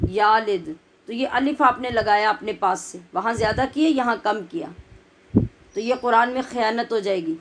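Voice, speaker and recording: Woman teaching Quran pronunciation, slightly high. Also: a little hiss or hum, low-quality recording. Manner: explains slowly, then models words and verses in drawn-out chanting. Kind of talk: religious lesson on tajweed pronunciation.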